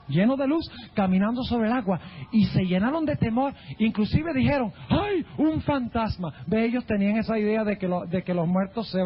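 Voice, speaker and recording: A man preaching a sermon in a husky, fairly high voice. He delivers it dramatically, with big swoops in pitch, and acts out the voices of the people in his stories. The recording sounds dull and lo-fi. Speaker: pastor.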